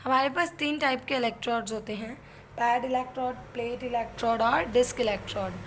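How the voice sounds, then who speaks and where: Speaking fairly quickly in a steady, slightly bright voice on the high side, a woman with an Indian accent delivers a physiotherapy lecture. She blends two languages, checks in often with the listener, and a little hiss or hum is audible.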